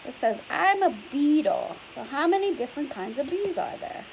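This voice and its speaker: At a normal speed, a young woman teacher reads a picture book to a group of children in a lively, slightly high voice that rises and falls. She explains in a chatty manner and asks the children question after question. The recording is rough, with faint hiss.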